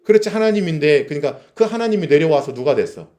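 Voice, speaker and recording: A man's voice: on the high side, animated, quick pace, warm tone. A man teaching a Bible lesson to young people at chapel, asking them questions and reading verses aloud. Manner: asks the listeners questions, reads verses aloud, acts out scenes. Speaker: teacher leading a youth chapel.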